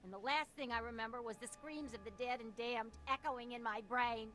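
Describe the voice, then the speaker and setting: A woman's voice: fairly high pitch, brisk, a bit bright, slight background noise, lightly acted. A woman voicing a chatty, flustered receptionist in a video game cutscene, rambling on. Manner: rambling, talkative. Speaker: receptionist of the ghost-busting team.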